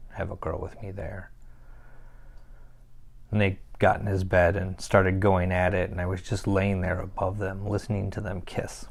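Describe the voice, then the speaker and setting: An actor playing a troubled young man who confides a painful past in a halting dramatic monologue broken by pauses. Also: deep voice, creaky, darkish tone.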